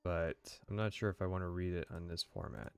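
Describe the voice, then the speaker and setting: Low-voiced, profane streamer. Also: male voice, a little fast, creaky, clear, resonant tone, no room sound, faint music behind. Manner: rambling, profane, many fillers. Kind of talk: casual live-stream chat.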